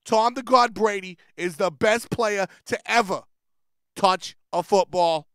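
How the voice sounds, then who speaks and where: A man putting on a brash, loudmouthed Boston sports fan who talks loud and boastful. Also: high-pitched, takes it slowly, smooth, no echo, clean studio sound, voice pushed up.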